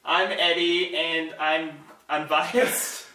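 A high-voiced young man with a very bright, sharp tone calls out and laughs his way through a party game. He is caught from across a roomy space, with a faint hiss behind. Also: fairly even intonation, extremely slow. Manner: loud and laughing, talking over music in headphones. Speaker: host. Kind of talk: casual party-game chat. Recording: roomy, distant camera audio.

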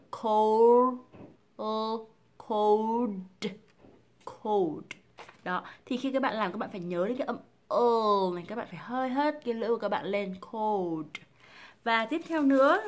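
A woman from Vietnam teaching English pronunciation, explaining patiently and drilling single sounds and words slowly and clearly. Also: mid-range voice. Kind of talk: pronunciation lesson.

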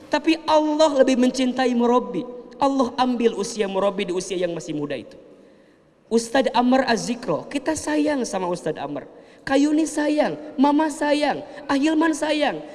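A man with a high, bright voice delivers a heartfelt sermon, dropping to a soft hush and then rising to loud appeals. His voice rings out with a long reverb, as from a big hall. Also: big pitch swings, unhurried. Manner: emotive preaching, swings between soft and loud. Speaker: preacher.

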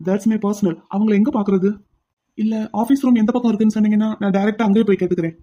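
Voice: medium pitch, fairly even intonation, fast talker, dark tone, muffled recording, close to an everyday voice. A voice actor playing an insistent, pleading young man in a cartoon. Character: brash young man pining for his brother's sweetheart.

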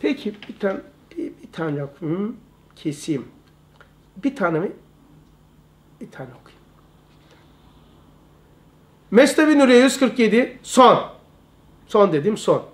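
A man's voice: high voice, very animated, measured pace, pauses often. A man giving an informal religious lesson, emphatic and repetitive, often calling his listeners brother. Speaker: religious study teacher.

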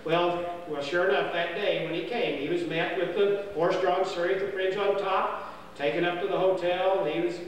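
An older man tells a folksy camp history in a rambling, homespun voice, pitched fairly high for a man and full of fillers and restarts. He is heard from a distance across a dining hall, wrapped in long, roomy reverb with a faint hum under it. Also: steady tone, moderate pace. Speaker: camp storyteller. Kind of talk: folksy spoken history tale. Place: indoor dining hall by a stone fireplace. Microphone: far camera.

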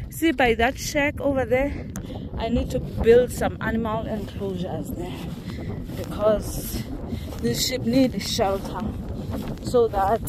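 Chatty South African woman walking outdoors. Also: a little high. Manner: chatty, rambling asides, laughs easily. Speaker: vlogger. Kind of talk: casual walking vlog. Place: outdoors on dry rural farmland, windy. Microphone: handheld phone at arm's length. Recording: outdoor wind and ambient noise.

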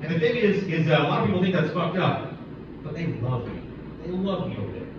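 A man's voice: a little high, lively intonation, quick pace, noisy background. A middle-aged man doing laid-back open mic stand-up on a small club stage, acting out dialogue and swearing often. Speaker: stand-up comic. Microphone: handheld mic, filmed from far back in the audience. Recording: echoey club, distant and muffled.

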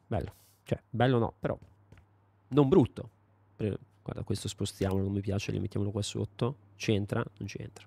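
A man's voice: lowish voice, a little mellow. A young man commenting casually while playing a game, joking, talking to himself and swearing freely. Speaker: gaming video creator. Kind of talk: let's play commentary.

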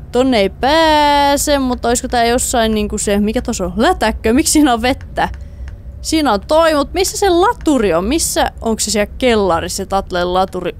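A woman doing let's play commentary, excitable, talking to the game characters and slipping in English phrases. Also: on the high side, smooth. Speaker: gaming YouTuber.

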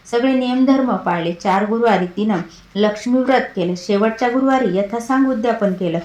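A woman narrates a devotional folk tale in a steady, rhythmic cadence. Her voice sits at a middling pitch, and the recording has a noticeable roomy echo. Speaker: storyteller.

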